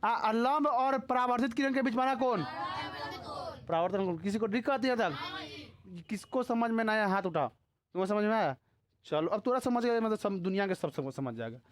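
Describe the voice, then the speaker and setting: A man's voice: high-pitched, animated, moderate pace. A male teacher with a Bihari Hindi accent giving a live classroom physics lecture. He keeps quizzing the students, and he scolds and teases them.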